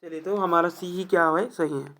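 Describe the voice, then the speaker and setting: A teacher walking students through exam questions, voice sitting at an ordinary middle pitch. The delivery is built around rhetorical check-in questions, and each answer is repeated so it sticks. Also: fairly even intonation, normal speed, a bit bright. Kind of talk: explaining test questions to students.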